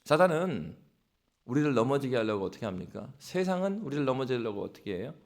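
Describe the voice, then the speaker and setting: Lively, gravelly male pastor preaching. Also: medium pitch, fast talker. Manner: animated storytelling, exhorting. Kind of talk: sermon.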